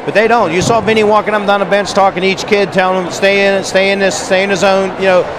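Fast-talking middle-aged coach in a noisy gym. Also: male voice, high-pitched. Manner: animated, gesturing while standing. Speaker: wrestling coach. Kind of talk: postgame interview. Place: high school gym, large indoor space. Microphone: handheld mic.

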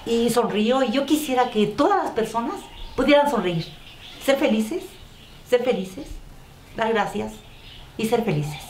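A woman's voice: a little high, a little mellow, reverberant, a little hiss or hum. A middle-aged woman with a Mexican accent, speaking tenderly and with feeling as a proud mother, often repeating her words. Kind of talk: emotional testimonial.

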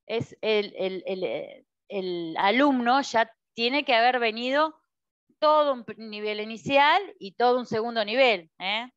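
A woman's voice: on the high side, measured pace, a bit bright, clean tone, dry recording, lo-fi sound. A woman with an Argentine Spanish accent teaching a Pilates class, cueing movements with frequent checks and encouragement. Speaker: Pilates instructor. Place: Pilates studio.

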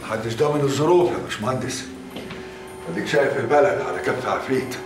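A man's voice: medium pitch, lively intonation, fast talker, natural voice. An actor playing a stern, controlling wealthy father lecturing his son in Egyptian Arabic. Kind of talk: TV drama acting. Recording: roomy set with music score.

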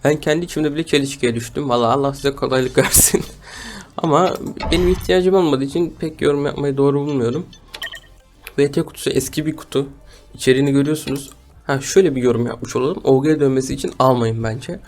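A man's voice: medium pitch, fast, a little mellow, a little hiss or hum. A man giving casual gameplay commentary as a gaming YouTuber, chatty with his viewers and grumbling and laughing at his bad luck. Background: background music.

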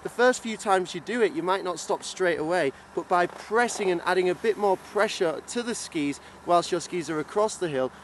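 A high-voiced man in his thirties gives upbeat, projected instruction as a ski coach. He explains to camera on an open slope, with clear outdoor noise around his voice. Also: moderate pace, hardly any pauses.

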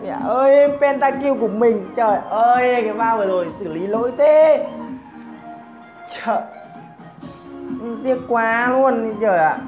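A woman giving excited commentary over her own mobile game match, full of exclamations and teasing jabs at opponents. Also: fairly high pitch, unhurried, pauses often, dull audio, over music. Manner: exclamatory, teasing opponents, frequent cries of surprise. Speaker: gameplay commentator.

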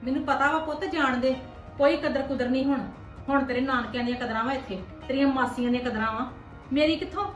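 A woman playing a sharp-tongued married sister visiting her brother's home, complaining and scolding, in a scripted family drama. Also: high voice, fast, far from the mic, soft background music, natural voice. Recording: echoey room from off-mic.

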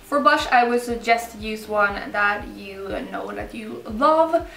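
A young woman casually talking through a makeup tutorial in an informal, unhurried way. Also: medium pitch, creaky, pushed and bright. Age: young adult. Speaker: beauty vlogger. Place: indoor room set up for filming, backdrop. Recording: roomy, slightly distant mic, music behind.

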